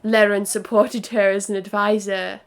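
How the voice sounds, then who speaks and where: A woman's voice: mid-range voice, little pitch movement, moderate pace. A woman streaming a game, reading its story dialogue aloud earnestly, with joking asides.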